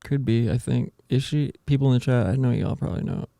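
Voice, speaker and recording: A male podcast host bantering casually about music with his co-hosts, talking fast in a mid-range, creaky, mellow voice. His speech is slangy and full of "dude." The studio-quality recording has no echo.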